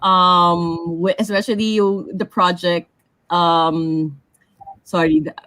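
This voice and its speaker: A woman's voice: lowish voice, level tone, takes it slowly, no room sound. A woman hosting a video-call interview, speaking casually, rambling and restarting her sentences. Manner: warm-hearted, rambling, restarts often. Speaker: host. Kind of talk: casual chat.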